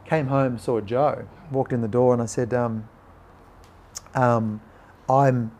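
A man talks as a podcast guest. His voice sits at a middle pitch with a gravelly rasp. He tells his story in an animated way and acts out the other people in it. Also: slow pace. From Australia. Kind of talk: personal storytelling in conversation.

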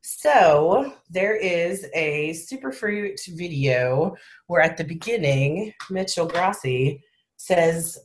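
A woman with a low voice that swoops up and down a lot, talking in an unhurried way. She giggles often and gets a bit flustered as she co-hosts a casual game chat. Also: animated, a little hiss or hum. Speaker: podcast co-host.

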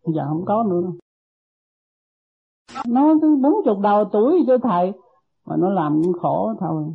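Husky older woman on a tinny tape. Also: mid-range voice, lively intonation, normal speed. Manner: hesitant, stumbles and repeats words, deferential. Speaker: meditation disciple. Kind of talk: asking a teacher for advice.

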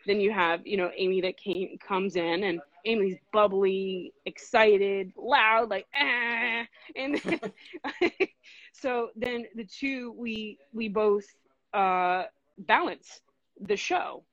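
A woman's voice: medium pitch, slow pace, dry recording. Chill talkative woman on an interview, dry close sound, kinda muffled. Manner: relaxed, chatty, many fillers. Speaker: podcast co-host and guest. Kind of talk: casual interview talk.

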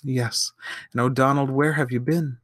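A man voicing an excited, joyful young woman who talks in breathless exclamations, in a storybook reading. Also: medium pitch, moderate pace, dry recording, studio quality, voice pushed up, close to an everyday voice. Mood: eager.

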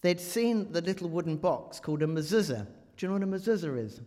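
A man's voice: fairly high pitch, lively intonation, fast, a little mellow. A man giving a chatty, joking talk to a church congregation and quizzing the audience as he speaks. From England. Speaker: guest preacher. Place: large church. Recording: reverberant church hall.

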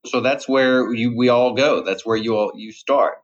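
A man's voice: mid-range voice, steady tone, normal speed. A middle-aged man from Louisiana with a Cajun accent, a guest chatting casually, rambling and repeating his words. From Louisiana, USA. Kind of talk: casual interview talk. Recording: dull lo-fi sound.

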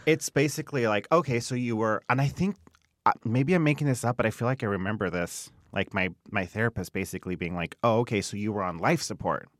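A podcast host in his late thirties speaks fast in a fairly low voice, talking candidly about personal matters. He is emphatic, repeats himself and swears casually. The recording is dry and clean, like a studio.

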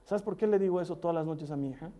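A man, preaching a sermon, who tells family stories and drops to soft, intimate asides. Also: a little high, very fast, dull audio.

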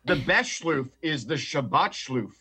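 Rabbi guest on a video call, tin-can tinny sound, bright, relaxed and good-humored. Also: male voice, fairly high pitch, a little slow, breathy edge. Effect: tinny sound, like talking inside a tin can. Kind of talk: casual chat. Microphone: laptop mic on a video call, no proper microphone.

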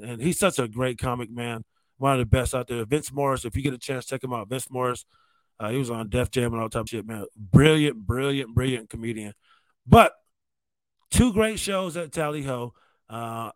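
Man, stand-up comedian, casual storytelling, fillers like "man", slightly high voice, dry close sound. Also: fairly bright tone, no room sound. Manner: loose and conversational, often says "man" and "like".

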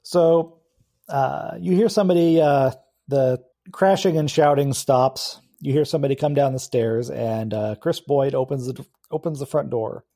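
A man narrating as game master of a tabletop role-playing game, describing scenes at an easy pace with filler pauses. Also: mid-range voice, gravelly, mellow.

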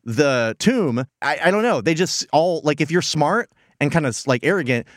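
A man's voice: on the high side, expressive, normal speed, no echo, studio quality. An American man co-hosting a podcast, giving a casual comedic recap in a rambling, incredulous manner. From United States. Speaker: podcast co-host.

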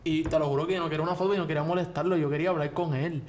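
A man's voice: a little high, fairly even intonation, rapid-fire, a little mellow, slight background noise. A Puerto Rican man co-hosting a podcast, rambling in casual chat with lots of fillers. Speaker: podcast co-host.

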